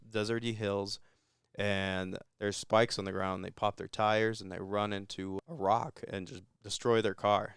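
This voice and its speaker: A man's voice: lowish voice, smooth, dry recording, studio quality. A man co-hosting a podcast, giving a rambling, laid-back recap of a movie in casual chat with chuckles. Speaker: podcast co-host.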